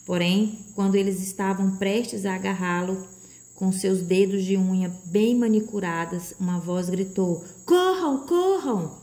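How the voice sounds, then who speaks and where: Mellow-voiced woman reading a storybook. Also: mid-range voice, a little slow. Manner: steady, expressive reading. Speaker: audiobook reader. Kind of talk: scripted storybook narration.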